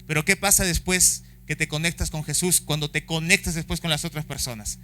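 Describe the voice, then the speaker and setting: A man's voice: a little high, pushed and bright. A man with a Chilean accent preaching a sermon at a church service, impassioned and acting out the voices of people he quotes. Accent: Chilean Spanish. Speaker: pastor.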